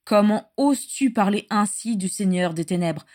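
A woman reading a story aloud, voicing a young dark witch who barks orders in a choked, tearful voice. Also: mid-range voice, animated, normal speed, natural voice. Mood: fierce. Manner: shouted commands, choked with tears. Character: young female dark witch, torn and fierce.

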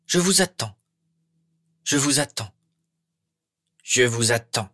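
A chilling storybook villain, a dark male wizard whose high voice hisses with slow, silky menace, voiced by a man narrating. The tone is sharp and bright. The recording is close and dry, with no room sound. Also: lively intonation, dry recording. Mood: menacing. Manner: slow, honeyed, threatening. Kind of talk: audiobook character voice.

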